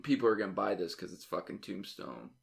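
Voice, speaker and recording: A man's voice: low-pitched, big pitch swings, brisk, vocal fry. A man hosting a casual movie review podcast, joking, swearing freely and laughing often. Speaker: podcast host.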